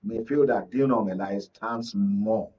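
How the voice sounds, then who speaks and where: A lowish, husky male voice, a little slow, belongs to a Nigerian media analyst invited as a guest. In the discussion he offers forceful political analysis, repeating himself and asking whether the listener is following. The distant mic leaves the audio muffled and lo-fi.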